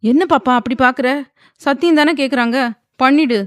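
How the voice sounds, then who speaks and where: A woman's voice: high-pitched, normal speed, no echo, studio quality, pitched above the performer's own voice, close to an everyday voice. A woman voicing a cheerful household helper who coaxes the heroine affectionately. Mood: coaxing.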